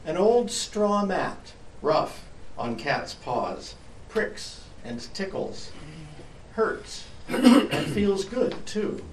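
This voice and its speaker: A man's voice: high voice, sing-song, slight background noise, voice pushed up, heavily acted. A sleepy, dreamy female cat, as a man puts her on, drawling each word as if half asleep. It is a storybook read aloud in an echoey church, heard from a distance. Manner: slow and drowsy.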